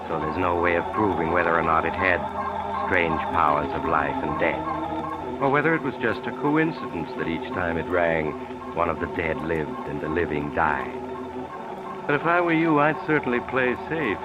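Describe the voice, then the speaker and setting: A deep-voiced mysterious storyteller on a train, sly and confiding, in old radio horror style. Loud organ music swells behind him, and the recording is muffled. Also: male voice, animated, moderate pace. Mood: sly, ominous. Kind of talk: 1940s radio horror narration.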